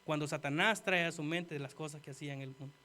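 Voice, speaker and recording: A man preaching a sermon earnestly, talking straight to the congregation and swinging from quiet asides to loud emphasis. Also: a little high, fast talker. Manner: earnest, addresses listeners as "hermano".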